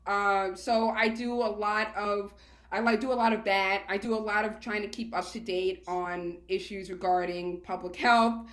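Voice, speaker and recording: A woman's voice: mid-range voice, fairly even intonation, moderate pace. A woman, talking casually and chattily as a guest in an interview. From Queens, New York, United States. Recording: roomy, echoey sound.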